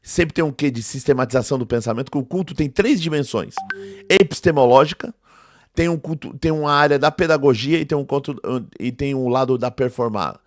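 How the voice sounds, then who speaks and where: Speaking at medium pitch in a clean studio recording with no echo, a man in his forties who teaches theology responds to a critic on camera. He's emphatic and indignant, going over his points again and again.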